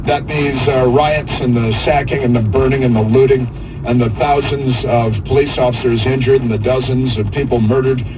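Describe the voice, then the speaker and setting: Male radio host, political monologue, halting and rambling, sarcastic, mocking, clear background noise. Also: medium pitch, fairly even intonation. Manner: halting, rambling delivery with drawn-out pauses. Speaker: radio talk show host.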